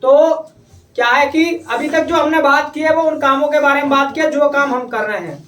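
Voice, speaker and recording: Coaxing teacher. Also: male voice, very high-pitched, a little fast, a bit bright. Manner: coaxing, repeats questions to pupils. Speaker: English teacher. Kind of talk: classroom lesson. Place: classroom. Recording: echoey room, distant mic, faint noise.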